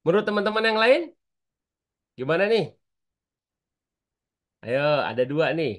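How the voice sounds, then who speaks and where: A man's voice: high-pitched, very animated, moderate pace, a bit bright. A man teaching an online public speaking class, chatty and constantly asking his students for answers.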